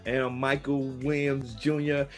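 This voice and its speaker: A man's voice: medium pitch, little pitch movement, moderate pace, soft background music. A man leading a peer recovery leadership training, preaching each point with emphatic repetition. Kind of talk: motivational training lesson.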